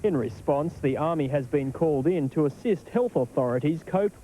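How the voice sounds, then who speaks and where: An Australian man voices a scripted news report. His pitch sits a little high, with clear background noise around him. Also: expressive, moderate pace, mellow, rough recording.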